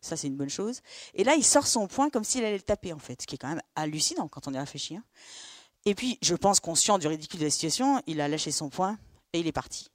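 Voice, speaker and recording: A middle-aged woman from France, a therapist, telling lively stories to an audience and acting out the dialogue. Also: sits low, dry recording, clean studio sound. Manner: lively, acts out dialogue with quick asides. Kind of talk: storytelling talk to an audience.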